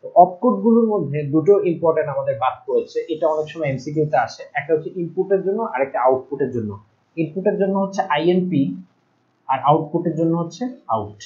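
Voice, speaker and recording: A young man teaching programming, explaining step by step and pausing to write things out and correct himself. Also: fairly high pitch, lively intonation, dark tone. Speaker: ICT teacher. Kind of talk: recorded classroom lecture. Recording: dull lo-fi recording.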